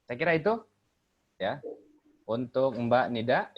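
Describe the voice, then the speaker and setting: A male communication coach teaching over a video call, his husky voice jumping up and down in pitch as he demonstrates intonation. The sound is dull and lo-fi, like compressed webinar audio. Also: unhurried. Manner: animated, swings pitch to illustrate intonation. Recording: muffled lo-fi online call audio.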